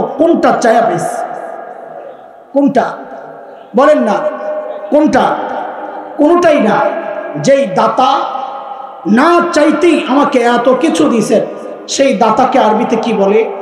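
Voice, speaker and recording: A man from Bangladesh preaching a sermon to a gathering with passion, firing questions at the crowd for answers and chanting scripture verses in a sung tone. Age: adult with grown children. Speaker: Islamic preacher. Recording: booming echo with long hall reverb.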